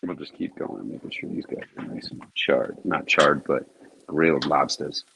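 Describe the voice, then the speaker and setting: A man's voice: extremely low pitch, normal speed, gravelly, noisy background. A man hosting his own cooking vlog, chatting casually and thinking aloud as he grills. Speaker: cooking show host.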